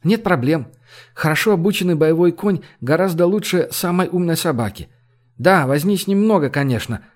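A woman's voice: on the low side, lively intonation, normal speed, darkish tone, voice pushed up. A male narrator voicing a bold, blunt young woman scout who talks in an offhand, breezy way.

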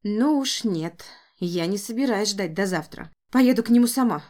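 A woman voicing an impulsive older noble lady and mother, shrill and insistent. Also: expressive, moderate pace, a little mellow, close to an everyday voice. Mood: furious.

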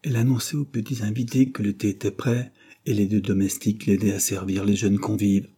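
A man narrating a classic novel as an audiobook, in a steady, measured reading. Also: lowish voice, husky. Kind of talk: scripted narration.

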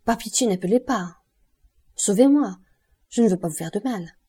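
A woman's voice: fairly low pitch, fast, mellow, breathy edge, distant mic. A woman reading an audiobook voices a desperate young man on the run, urgent and pleading.

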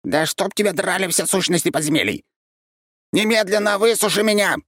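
A man's voice: a little high, big pitch swings, normal speed, creaky, fairly bright tone, no room sound, studio quality, voice pushed up, full character voice. A man voicing a small, haughty male demon creature that poses as a cat, shrieking insults in a storybook reading. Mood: shrieking, indignant.

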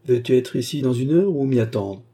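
A man's voice: medium pitch, lively intonation, brisk, dark tone, breathy edge. A man voicing a scheming working-class man in an audiobook, speaking in a guarded, mysterious way. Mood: sly guarded. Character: scheming sly male fellow worker.

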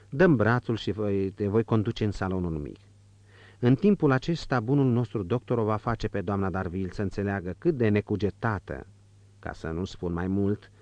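A scheming aristocratic stepmother of middle years speaks in smooth, falsely soothing tones, voiced by a male audiobook reader. The voice stays low and the sound is dry and close. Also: darkish tone, no room sound, lo-fi sound, lightly acted.

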